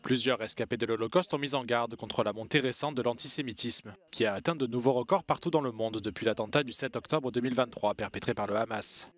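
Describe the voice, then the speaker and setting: A man's voice: mid-range voice, soft background music. Man reading the evening news. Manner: measured, even newsreader delivery. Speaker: news anchor.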